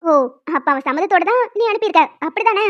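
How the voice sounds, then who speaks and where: A woman voicing a stern young female professor who lectures and scolds in an animated story. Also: very high voice, fast talker, dull audio.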